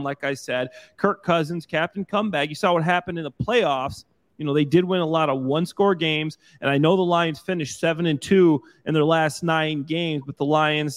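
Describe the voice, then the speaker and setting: A former pro football player, now an analyst, talking football in a casual sports-talk style. His voice sits a little high, and his delivery is upbeat, joking and energetic.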